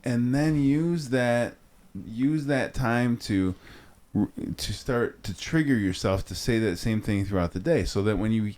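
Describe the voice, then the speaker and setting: A man's voice: medium pitch, unhurried, few pauses, a little mellow. A man co-hosting a discussion podcast, explaining ideas in a coaching way. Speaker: podcast co-host. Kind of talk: casual discussion.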